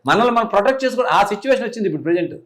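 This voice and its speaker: A middle-aged man, a police officer, talking earnestly in an interview and rising high in pitch when he stresses a point. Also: expressive, very fast, a bit bright. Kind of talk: casual interview talk.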